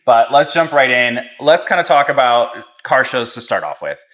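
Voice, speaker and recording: A man hosting a casual podcast, putting relaxed, open questions to his guests. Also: medium pitch, normal speed. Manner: easygoing, asks open questions. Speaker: podcast host.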